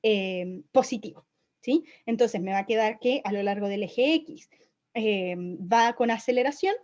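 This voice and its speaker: A woman's voice: mid-range voice, measured pace, a little mellow. A young woman teaching a recorded physics lesson, explaining step by step and checking in with her students often. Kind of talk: recorded online lecture. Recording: dull, lo-fi lecture audio.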